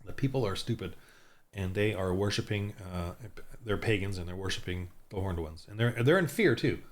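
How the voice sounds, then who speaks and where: Man, game master, casual prep talk, rambling, lowish voice. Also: expressive, moderate pace. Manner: rambling, many restarts and fillers.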